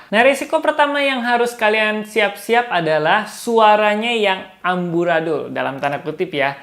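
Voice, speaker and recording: A man's voice: high-pitched, a bit bright. A man giving a casual spoken guitar lesson as a guitar tutor, chatty and chuckling often, referring to himself in the third person.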